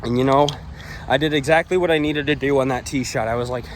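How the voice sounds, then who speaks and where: A man's voice: mid-range voice, fast talker. A young adult man chatting to his viewers while playing golf outdoors, in a casual, rambling way. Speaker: golf vlogger. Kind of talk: casual vlog commentary. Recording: outdoor noise in background.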